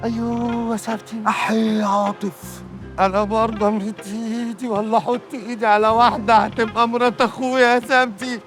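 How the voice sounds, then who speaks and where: An actor playing a glib, rambling comic meddler in an Egyptian drama, talking with an Egyptian accent. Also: male voice, high voice, flat delivery, music in the background, lightly acted. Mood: mock-earnest. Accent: Egyptian Arabic. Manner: fast comic rambling, mock pleading.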